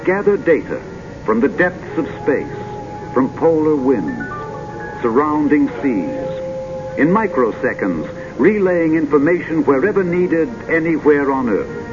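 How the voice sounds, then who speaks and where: A man narrating in a grand, dramatic, measured old sci-fi announcer manner, like a vintage futurist documentary, with drawn-out poetic phrasing. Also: fairly high pitch, sing-song. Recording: dull vintage film soundtrack with music.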